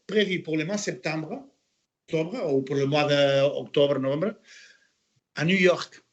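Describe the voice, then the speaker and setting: A man who is an actor and interview guest, telling anecdotes in a lively way, with many restarts and bits of English mixed in. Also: fairly high pitch, measured pace, dull audio. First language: Catalan. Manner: animated storyteller, many restarts, mixes in English phrases.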